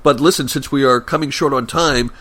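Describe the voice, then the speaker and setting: A man with a New York accent hosts a podcast in measured, casual talk. His voice is bright and sharp-edged as he steers the discussion along. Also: mid-range voice.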